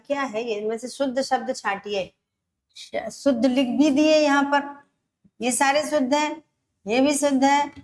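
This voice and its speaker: A woman teaching Hindi grammar for an exam, explaining step by step and repeating words slowly. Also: on the high side. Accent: Rajasthani Hindi. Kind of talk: exam-prep grammar lesson.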